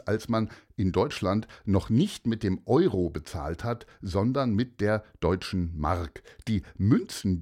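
A man narrating a children's audio story in a playful, expressive way with friendly asides. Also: fairly low pitch.

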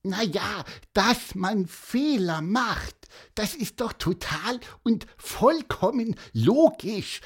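A woman's voice: mid-range voice, lively intonation, slow, hardly any pauses, breathy edge. A woman voicing a small, eager, helpful bird in an audio storybook, chatty and stammering with fillers.

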